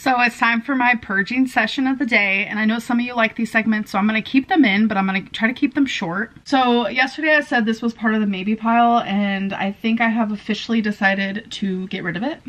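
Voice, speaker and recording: A woman's voice: on the high side, fairly quick, hardly any pauses, a bit bright. A young adult woman chatting casually to her viewers as she vlogs indoors at home. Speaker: vlogger. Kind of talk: casual vlog chat. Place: indoors at home, kitchen and rooms.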